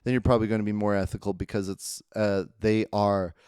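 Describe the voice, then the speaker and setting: A drunk man co-hosting a podcast, rambling loudly and joking as he chats. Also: lowish voice, level tone, a little fast, clear, resonant tone, no room sound, studio quality. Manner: rambling, loud, jokey. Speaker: podcast co-host. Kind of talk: casual chat.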